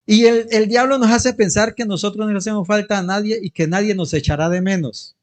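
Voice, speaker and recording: A man's voice: high voice, steady tone, a little fast. A middle-aged man with a Colombian Spanish accent, preaching a sermon in church, telling anecdotes and joking with the congregation. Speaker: pastor.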